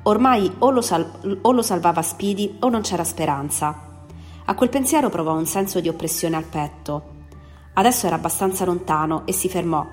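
A woman reads a story aloud with expressive, steady narration. Her voice sits slightly low, with a long reverb and faint music underneath. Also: a little fast. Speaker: story reader.

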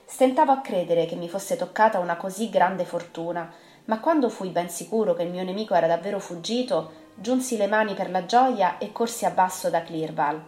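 Woman narrating an audiobook. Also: lowish voice. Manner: measured, expressive reading. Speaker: audiobook reader. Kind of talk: first-person novel narration. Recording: roomy with faint music.

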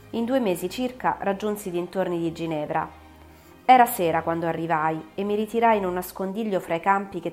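A woman reading an audiobook narration in a measured, dramatic way. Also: on the low side. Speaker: audiobook reader. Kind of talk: scripted narration.

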